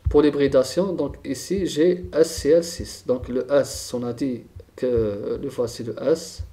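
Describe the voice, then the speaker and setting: A man's voice: medium pitch, fairly even intonation, a little slow, warm tone. A man teaching a chemistry lesson, thinking aloud and repeating key terms, often checking with "d'accord?".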